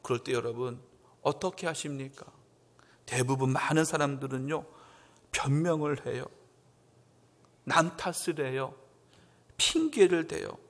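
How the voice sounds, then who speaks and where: A man preaching a Sunday sermon as pastor, acting out quotes with swings up to loud, emphatic peaks. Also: mid-range voice, a little slow, long pauses. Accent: Korean. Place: church sanctuary. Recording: long church hall reverb.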